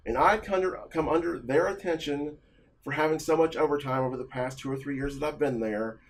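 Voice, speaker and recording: A man's voice: on the high side, a little hiss or hum. Agitated man telling a work story. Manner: agitated, halting, many restarts. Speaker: office analyst. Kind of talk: casual personal story.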